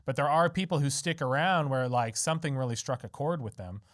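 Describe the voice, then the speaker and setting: A man's voice: medium pitch, a little fast, a bit bright, no room sound, studio quality. Easygoing male podcast host. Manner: rambling, frequent "mm-hmm" backchannel. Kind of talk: casual interview chat.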